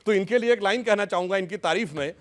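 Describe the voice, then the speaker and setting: A man with a very high-pitched voice argues as a panelist on a televised news debate. He is sarcastic and combative, and heaps mock praise on his rivals while he makes his points. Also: fast.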